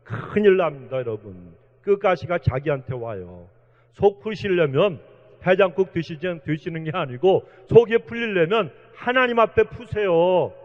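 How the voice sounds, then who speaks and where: Male pastor, high-pitched, earnest exhorting sermon delivery; muffled recording with long church-hall reverb. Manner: earnest, exhorting, repeatedly addresses the congregation. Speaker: senior pastor.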